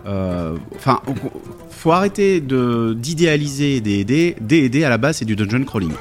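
A man's voice: medium pitch, sing-song, normal speed, faint music behind. A man talking casually about tabletop role-playing games, thoughtful and hesitant with many fillers.

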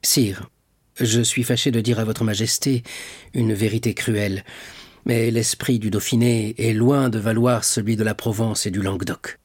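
A man's voice: fairly low pitch, steady tone, moderate pace, a little mellow, slightly rough, no echo, studio quality. A man voicing a courtly, deferential young magistrate. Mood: grave. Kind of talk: audiobook reading.

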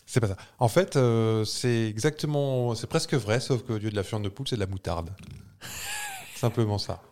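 A man's voice: medium pitch, wildly swooping pitch, moderate pace, a little mellow. A man co-hosting a casual podcast chat, posing trivia questions with a teasing, playful manner and frequent laughs. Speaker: podcast co-host.

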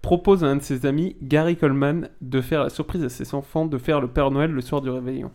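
A man's voice: mid-range voice, steady tone, a little fast, a little mellow. Easygoing man telling an anecdote. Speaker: podcast co-host. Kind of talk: casual chat, telling an anecdote.

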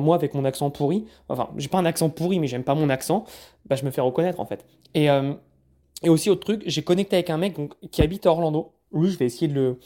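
Casual French vlogger, dark mellow voice, rambling with frequent restarts. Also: male voice, a little high. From France. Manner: chatty, stumbles and repeats words. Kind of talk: casual recap vlog.

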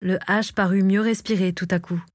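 A woman narrating a fantasy audiobook in a calm, measured storytelling manner. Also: medium pitch, no echo, clean studio sound. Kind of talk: scripted narration of a fantasy novel.

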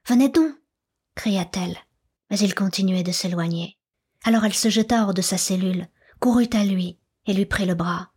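A woman narrating a classic novel for an audiobook in a soft, measured way that often slips into a whisper. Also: medium pitch, fairly even intonation, husky.

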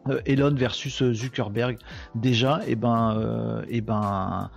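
A creaky, medium-pitched man speaks slowly and steadily as he hosts a casual live stream, faint music playing behind him. He's chatty and self-mocking, cracking jokes amid frequent fillers.

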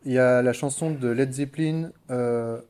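A male interviewer with a medium-pitched, warm and mellow voice. He talks in a relaxed, casual way, often pausing on filler sounds. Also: clean tone. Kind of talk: radio interview.

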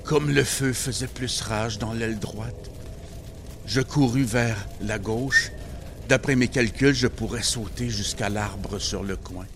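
A man reading a first-person story as narrator, slow and solemn. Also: mid-range voice, a little hiss or hum. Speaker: narrator and author.

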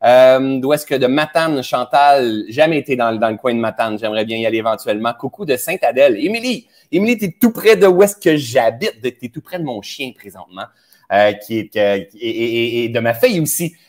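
Man, Québécois accent, mid pitch, spiritual live stream host, casual direct address, frequent fillers. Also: a little fast. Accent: Québécois French. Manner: warm, spiritual, talks straight to viewers with many fillers. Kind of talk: casual live stream talk, greeting viewers. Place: indoors, traveling.

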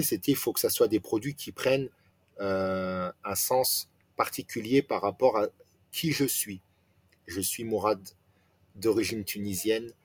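A husky, fairly low-voiced Frenchman in his forties, an entrepreneur appearing as an interview guest. He tells personal stories casually and explanatorily, regularly posing questions to himself and then answering them.

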